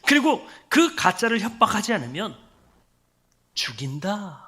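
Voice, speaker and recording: Korean-style church sermon, man pastor, high bright voice, keeps asking the crowd questions. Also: sing-song, normal speed, slightly rough. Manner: emphatic, asks the congregation rhetorical questions.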